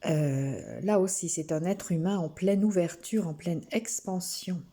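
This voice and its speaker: Brief: French woman, spiritual card reader, unhurried and hesitant, soft mellow lowish voice. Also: animated. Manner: slow, gentle, with frequent hesitations and restarts. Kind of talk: oracle card reading to camera.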